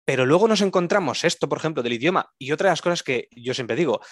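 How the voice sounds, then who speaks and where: A man's voice: on the high side, expressive, fast, no echo, studio quality. A man with a Spanish accent co-hosting a casual film podcast, chatty and enthusiastic. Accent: Spanish from Spain. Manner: chatty, laughs often, enthusiastic. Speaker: podcast co-host. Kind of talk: casual film review chat.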